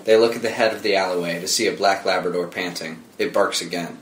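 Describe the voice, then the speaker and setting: The narrator is a man with a low, somewhat bright voice who reads stage directions quickly in a steady tone. Film-score music sits beneath him in an echoey room, along with a little hiss or hum.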